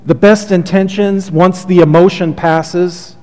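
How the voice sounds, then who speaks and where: Measured in pace and steady in tone, this pastor's voice sits high as he preaches. He comes across as earnest, heartfelt and soothing, sharing soft confessional asides, with long hall reverb behind him.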